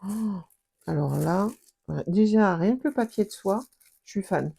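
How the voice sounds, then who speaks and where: Woman, crafting vlogger, casual unboxing chat, gushing, dark mellow tone, raspy with vocal fry. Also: medium pitch, lively intonation, measured pace. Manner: gushing, exclamatory, drops to soft whispers. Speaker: scrapbooking vlogger.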